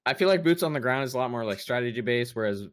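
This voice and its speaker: A man's voice: mid-range voice, expressive, racing, no room sound, studio quality. A young man in casual chat on a gaming podcast, rambling with lots of fillers and restarts. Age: young adult. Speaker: podcast co-host.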